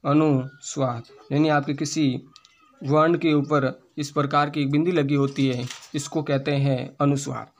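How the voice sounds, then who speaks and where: A man with a Rajasthani Hindi accent teaching an exam-prep grammar lesson. He talks slowly and evenly, with very little rise and fall in his voice. He lists sounds one at a time and says each term more than once. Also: a little high, little pitch movement. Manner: slow, repetitive, spelling out sounds one by one.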